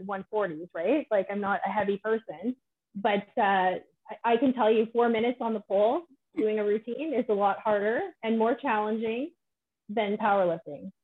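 Husky woman on a tinny line. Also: medium pitch. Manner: chatty, many "like" fillers. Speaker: guest, powerlifter and pole competitor. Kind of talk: casual podcast chat.

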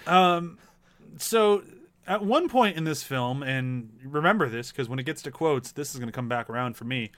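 A man's voice: mid-range voice, animated, moderate pace, fairly bright tone. A man in a casual film discussion, talking in a rambling way and acting out imagined quotes as he goes. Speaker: movie review panelist.

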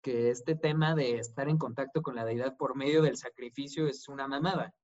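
A man with a Mexican accent, co-hosting a casual film chat in a relaxed, slangy way, swearing often. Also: mid-range voice, brisk. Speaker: podcast co-host. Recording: dull lo-fi sound.

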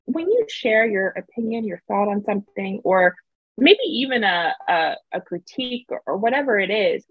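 A woman's voice: mid-range voice, lively intonation, normal speed, breathy edge, dry recording, narrow, tinny audio. A woman in a casual interview, talking emphatically and repeating phrases to drive a point home. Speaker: interview guest, author and video creator.

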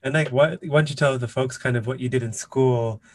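A man's voice: medium pitch, steady tone, fairly quick. A man hosting a podcast, introducing his guest in a chatty, upbeat way with fillers. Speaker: podcast host. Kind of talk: casual interview hosting.

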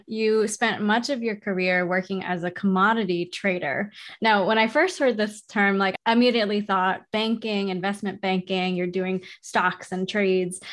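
Upbeat woman hosting a podcast. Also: mid-range voice. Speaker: podcast host. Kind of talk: podcast intro and interview.

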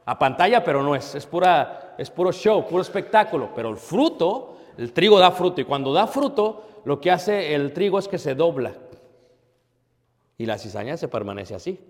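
A man preaching a sermon as a pastor, asking rhetorical questions and swinging between loud emphasis and hushed asides. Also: fairly high pitch, very animated, moderate pace. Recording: long hall reverb.

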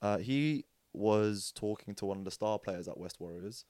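A man's voice: fairly low pitch, normal speed, dry recording. Young Englishman telling rugby stories. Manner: animated storyteller, acts out quotes with jokes and laughs. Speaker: podcast guest. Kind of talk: casual storytelling chat.

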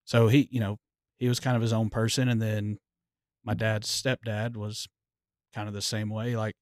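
A man's voice: lowish voice, level tone, normal speed, a little mellow, dry recording, studio quality. A man, a firefighter guest in a casual podcast chat, telling self-deprecating stories and laughing often.

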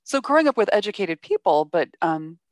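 A woman's voice: medium pitch, sing-song, fairly quick, no room sound. A woman in her fifties hosting a podcast, telling family stories candidly in casual conversation. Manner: candid, storytelling, filler-heavy. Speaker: podcast host.

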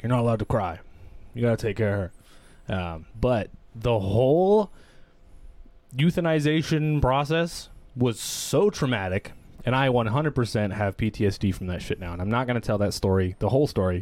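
A young man talks candidly on a podcast, his voice sitting a little low. He rambles and swears freely, circling back as he tells the story. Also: darkish tone, dry recording. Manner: rambling, profane, emotional storytelling. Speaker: podcast co-host. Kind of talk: candid casual podcast chat.

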